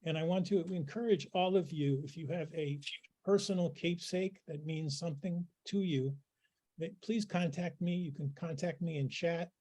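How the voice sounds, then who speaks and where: A man with a fairly high voice hosts an online event. He has lost his voice and sounds hoarse. He talks haltingly, with lots of fillers. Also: fairly even intonation, dark tone. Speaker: event host.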